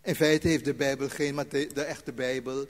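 A retired man in his sixties preaching a sermon, dropping to quiet asides and slowing down when he reads scripture. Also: mid-range voice, steady tone, big-room sound. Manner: varies loudness widely, slows for scripture.

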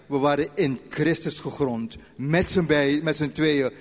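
High-voiced older Dutch preacher, echoing hall. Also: male voice. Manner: varies loudness widely, slows for scripture. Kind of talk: sermon.

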